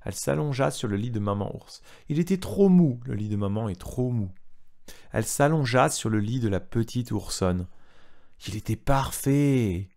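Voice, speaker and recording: A man's voice: mid-range voice, animated, moderate pace, vocal fry, a little mellow. A man reading a storybook aloud to a child, stopping to retell parts in plain words and ask the child questions.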